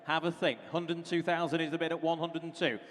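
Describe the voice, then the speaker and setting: Talking fast in a level, somewhat bright, higher-pitched voice, a British man calls a live auction. His patter repeats the figures and prompts the bidders, and the large hall gives everything a reverberant ring.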